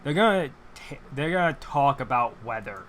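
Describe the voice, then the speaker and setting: A man's voice: mid-range voice, big pitch swings, normal speed, fairly bright tone, a little hiss or hum. A man voicing a reluctant, whiny dad character in a game read-aloud, with a fan running.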